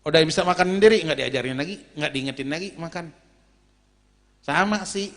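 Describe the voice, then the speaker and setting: A man preaching a lively, jokey sermon at a large gathering, swinging between loud calls and low storytelling. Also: a little fast. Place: large outdoor or hall gathering. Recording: reverberant PA in a big space.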